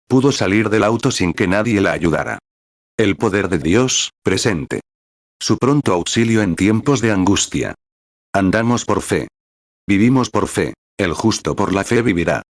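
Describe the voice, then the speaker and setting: A man reading a translated sermon in a steady, solemn way. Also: on the low side, no room sound, clean studio sound. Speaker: sermon reader.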